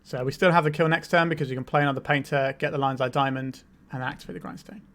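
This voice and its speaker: A man with a mid-range, fairly bright voice speaks quickly with fairly even intonation while explaining a card game deck. He hosts the channel, has a cold, sounds a bit tired, and thinks aloud as he plays.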